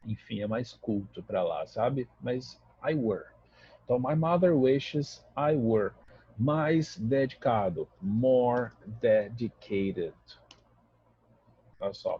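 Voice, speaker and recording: Brazilian man, native Portuguese, English teacher, explanatory and patient, husky, lo-fi dry recording. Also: mid-range voice, no echo. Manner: explanatory, repeats and checks with "né?" and "tá?". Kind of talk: classroom grammar lesson.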